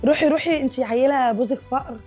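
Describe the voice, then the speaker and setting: A woman's voice: high-pitched, rapid-fire, a little mellow, breathy edge, soft background music. A woman with an Egyptian accent playing a spiteful, greedy wife who talks scornfully and boastfully on the phone. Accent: Egyptian Arabic.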